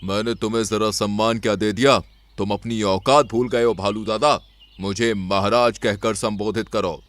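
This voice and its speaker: A man voicing a bossy male lion king who talks quickly and forcefully. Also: fairly low pitch, fairly even intonation, no room sound, natural voice. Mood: angry.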